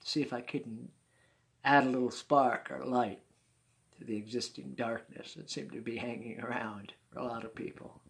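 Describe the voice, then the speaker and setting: A man's voice: mid-range voice, fairly even intonation, normal speed, vocal fry. An older man in his sixties telling a personal story in a folksy, chuckling way. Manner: folksy, chuckling, warm-hearted asides.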